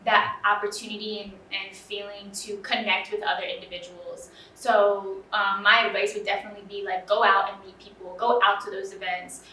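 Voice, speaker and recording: In a flat, mid-range voice with a sharp tone, a young adult woman student responds to interview questions at a moderate pace with few pauses. Her manner is earnest and casual, full of "um"s and "you know"s. She's recorded far from the mic in a roomy space, with faint ambience and a bit of hiss or hum.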